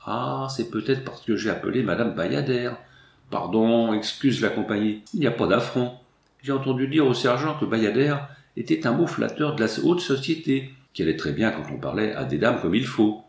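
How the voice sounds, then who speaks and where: A man voicing a loud, jovial young country soldier who talks bluntly and boisterously. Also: animated, normal speed, gravelly, reverberant. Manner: boisterous, booming country talk.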